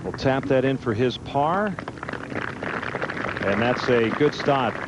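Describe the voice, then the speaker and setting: A man's voice: mid-range voice, slow, highs cut off, heavy background noise. A man giving live golf commentary for a television broadcast.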